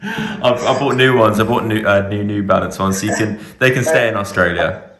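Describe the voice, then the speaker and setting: A man with a low, bright and forceful voice hosts a casual podcast. He asks questions in a friendly, jokey manner, and the recording has a roomy echo. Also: lively intonation, moderate pace. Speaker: podcast host.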